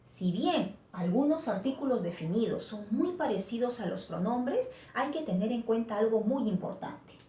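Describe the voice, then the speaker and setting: A woman's voice: fairly high pitch, lively intonation, moderate pace, few pauses, warm tone. A woman teacher, patiently explaining a lesson and often checking in with her students. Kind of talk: virtual class lesson. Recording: echoey room with faint noise.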